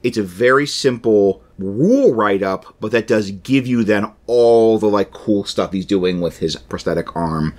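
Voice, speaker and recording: A man's voice: fairly low pitch, measured pace, few pauses, darkish tone. A man co-hosting a podcast in casual chat, explaining things in a chatty way with many restarts. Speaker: podcast co-host.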